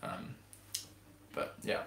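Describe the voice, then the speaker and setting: A man's voice: extremely slow, a bit bright. A young man hosting a casual live stream, rambling and hesitant, with lots of ums. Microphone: camera-mounted mic. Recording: roomy home recording with faint hiss.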